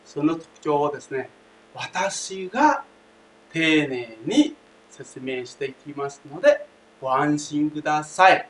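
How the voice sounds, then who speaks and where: A man's voice: a little high, expressive, takes it slowly. A man teaching a language lesson, speaking emphatically, repeating key phrases and often addressing the class directly. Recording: roomy, distant mic, faint hiss.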